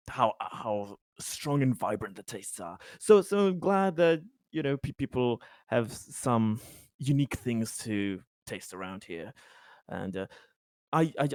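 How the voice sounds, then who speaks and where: A man acts out a courteous, affable colony director from a tabletop game, chatting politely and feeling his way haltingly through his sentences. His natural, mid-pitched voice has a darkish tone, and the recording is dry and close.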